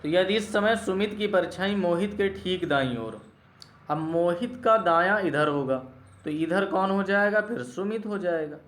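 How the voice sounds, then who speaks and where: A male teacher walks through reasoning problems one step at a time, pausing to ask whether his students have understood. His voice sits a little high for a man. The sound carries the echo of a bare room. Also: a bit bright. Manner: explains step by step, asks "clear?" to check understanding. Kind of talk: classroom lecture explaining reasoning problems.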